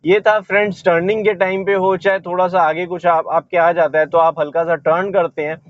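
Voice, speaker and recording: Inside a moving car, a driving instructor explains each step as he drives, pointing out his actions and repeating "ye dekhiye" as he demonstrates. His high voice is flat and a little fast, with no room sound and the highs cut off.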